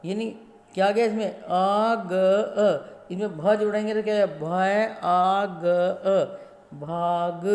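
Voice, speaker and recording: A woman school teacher giving a grammar lesson to children, slowly spelling out sounds syllable by syllable. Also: medium pitch, darkish tone. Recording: echoey room with long reverb.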